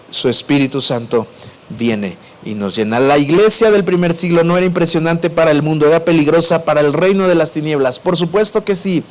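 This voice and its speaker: High-voiced Mexico City preacher. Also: male voice. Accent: Mexico City Spanish. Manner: asks the congregation questions and answers them; swings between raised and dropped voice. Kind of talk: sermon.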